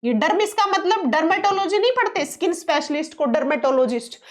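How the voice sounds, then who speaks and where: A woman with a high voice teaches a science lesson for exam preparation. She asks questions and answers them herself, hammering home the key terms. She keeps reassuring her students. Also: sing-song. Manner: coaxing, reassuring tone toward students; reads English question text slowly.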